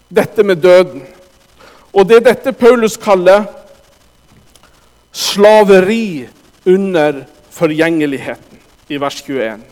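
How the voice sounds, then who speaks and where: A man with a high voice delivers a sermon, stressing his words and turning often to the congregation. His voice carries through a church hall with a long reverb. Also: a little mellow. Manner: emphatic, addresses the congregation directly. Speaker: preacher.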